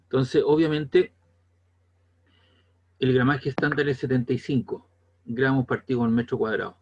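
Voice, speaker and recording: A man's voice: mid-range voice, little pitch movement, normal speed, dull audio, a little hiss or hum. A man with a Chilean accent giving a classroom lecture in a conversational way, often checking whether the students follow. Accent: Chilean Spanish. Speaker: teacher.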